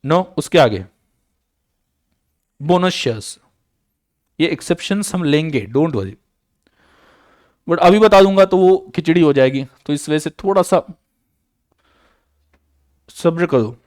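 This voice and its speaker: A man's voice: a little high, expressive, darkish tone, dry recording, studio quality. A man lecturing on accounting, mixing English terms into his explanation and often checking that students follow. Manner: repeats key points, checks understanding with "बराबर?" and "clear?"; slows down to dictate journal entries. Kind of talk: recorded online lecture.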